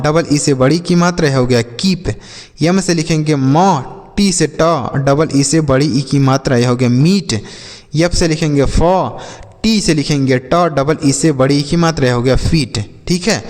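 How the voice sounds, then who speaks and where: A man's voice: on the high side, big-room sound. A male teacher giving a classroom-style phonics lesson, calling his viewers children and drilling each rule with repeated questions and answers.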